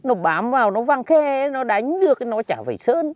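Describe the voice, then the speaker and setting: A woman's voice: high-pitched, very animated, moderate pace, a little mellow, no echo. A woman playing a stingy, grumpy old village grandfather who scolds bluntly in a comedy skit. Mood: grumbling.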